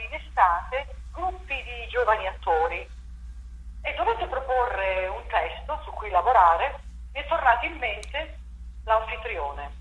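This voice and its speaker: In an interview, a woman playwright and theatre director explains her stage work, thinking aloud reflectively with frequent fillers and restarts. Her voice is a little high and fairly bright. The room is echoey with faint noise.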